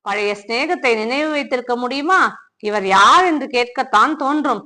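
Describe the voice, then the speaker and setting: A woman's voice: fairly high pitch, animated, normal speed, bright, forceful tone. A woman voicing a proud young prince who teases and then pleads with the woman he loves, in a storybook reading. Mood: mocking.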